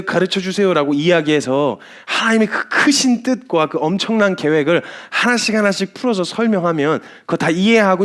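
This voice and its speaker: A man who is a missionary preacher, giving a sermon full of lively stories. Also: sits high. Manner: animated, storytelling.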